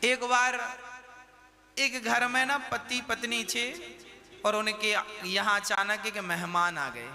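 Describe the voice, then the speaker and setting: A man's voice: extremely high pitch, fairly even intonation, takes it slowly, bright, forceful tone. A man preaching a devotional sermon, telling folksy stories and chanting verses. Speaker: Bhagavat katha preacher. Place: large live religious gathering. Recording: reverberant live hall with music.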